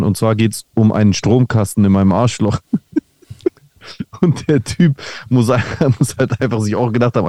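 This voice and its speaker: Mellow-voiced man telling a rambling story. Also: on the low side, no room sound, studio quality. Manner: chatty, meandering anecdotes with many restarts. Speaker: podcast host. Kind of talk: casual podcast chat.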